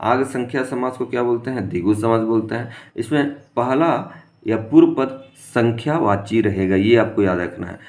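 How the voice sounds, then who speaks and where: A man's voice: medium pitch, normal speed, darkish tone. A man teaching an exam-prep grammar lesson. He keeps asking rhetorical questions, answers them himself and repeats the key terms.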